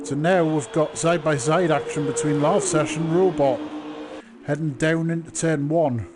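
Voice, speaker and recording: A man commentating live on a motor race, calling the action in drawn-out phrases. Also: a little high, fairly even intonation, background noise. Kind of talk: live online sim racing commentary.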